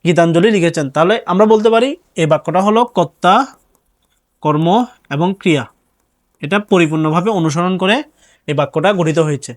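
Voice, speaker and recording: A young male teacher delivers a grammar lecture at a brisk clip. His voice sits high for a man. He walks through each point, repeats key phrases, and answers his own questions. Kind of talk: exam-prep grammar lecture.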